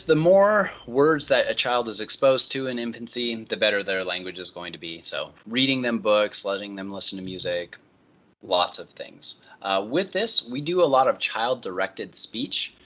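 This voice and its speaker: Bright-voiced male lecturer, lo-fi lecture recording. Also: fairly low pitch. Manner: relaxed explaining with frequent ums and uhs.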